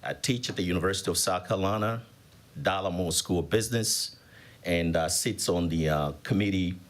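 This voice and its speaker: A very deep-voiced man from Tanzania speaks at a public hearing. He is a business professor, and his testimony is halting, broken up by frequent fillers.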